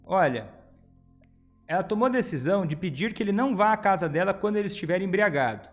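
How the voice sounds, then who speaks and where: A man's voice: high voice, lively intonation, fast, faint music behind. A man, hosting and giving casual advice on viewer questions, often acting out example phrases. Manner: many fillers and restarts. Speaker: host answering viewer questions.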